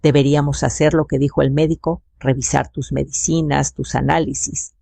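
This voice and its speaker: An older woman voicing a worried adult son who speaks hesitantly with a lowered voice. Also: flat delivery, normal speed, gravelly, dark tone, no room sound, heavily acted. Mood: uneasy.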